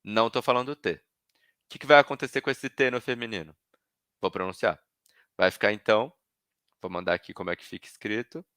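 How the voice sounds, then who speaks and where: A man leads a live online French lesson, patiently spelling out and repeating each word for his students. His voice sits a little low yet sounds bright and forward. The recording is dry and close, with no room sound around it. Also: fairly quick, pauses often, smooth, no echo. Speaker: French teacher.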